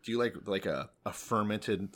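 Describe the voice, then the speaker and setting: A man's voice: fairly low pitch, normal speed, a bit bright, a little hiss or hum. A man chatting casually as a comedy podcast co-host, teasing and swearing freely. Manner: profane, teasing.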